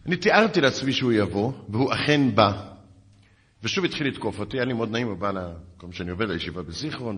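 Sarcastic storytelling rabbi in a reverberant hall. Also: male voice, lowish voice. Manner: lively storyteller, dry sarcasm, acts out both sides of dialogues. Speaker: rabbi giving a lecture. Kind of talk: storytelling lecture with acted quotes.

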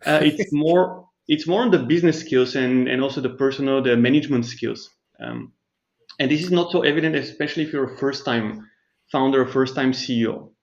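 A Bulgarian startup CEO answers interview questions in a measured, explanatory manner, restarting sentences and pausing to think. His voice is medium-pitched with vocal fry, and the audio is dull.

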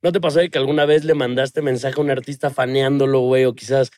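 Fast-talking slangy Mexican man. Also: medium pitch, little pitch movement, a little mellow, no room sound. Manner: slangy, peppered with buddy-talk. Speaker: interviewer, co-host. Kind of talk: casual chat.

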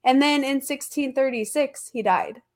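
A woman's voice: sits high, moderate pace, darkish tone. Stuffy-nosed woman, chatty storyteller. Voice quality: stuffy, congested nose. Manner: chatty, informal, slangy and emphatic. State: congested from seasonal allergies. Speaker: podcast host. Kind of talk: casual conversational history storytelling.

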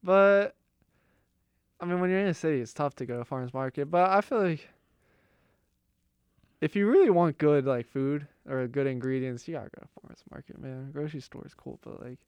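A man's voice: fairly high pitch, brisk, darkish tone, smooth, no room sound. A young American man talking in an easygoing, conversational way in a casual chat. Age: young adult.

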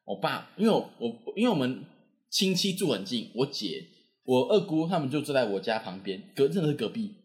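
With a mid-range voice and a slightly fast pace, a young Taiwanese Mandarin-accented man narrates a story in casual chat. He keeps it lively, voicing each person he quotes.

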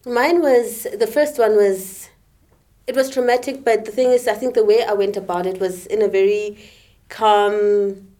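Young woman from south africa, calm measured talk, halting little phrases, mid-pitched voice. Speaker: podcast co-host. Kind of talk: candid conversation.

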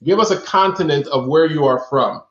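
A man's voice: fairly high pitch, normal speed, roomy sound, highs cut off. A man hosting a live online stream, upbeat and chatty, reading out viewers' chat guesses. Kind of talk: lively interactive hosting. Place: indoor room, talking away from the mic at times.

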